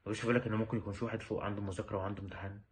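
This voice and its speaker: A man's voice: fairly low pitch, little pitch movement, racing, slight background noise. A man with an Egyptian Arabic accent, talking straight to the listener in an exasperated, pleading rant. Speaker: vlogger. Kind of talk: direct-to-camera rant.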